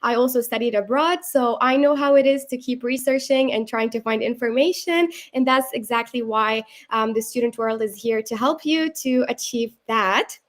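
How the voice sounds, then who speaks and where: High-voiced upbeat woman hosting a livestream. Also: moderate pace, few pauses. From Syria. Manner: upbeat and welcoming, with frequent "um" and "uh". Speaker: livestream host. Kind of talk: live-stream presenting.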